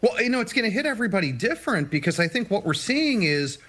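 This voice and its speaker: A man's voice: high voice, big pitch swings, fast talker, bright, forceful tone. A man giving emphatic, upbeat financial advice as a guest in a TV news interview. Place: TV studio or remote video link.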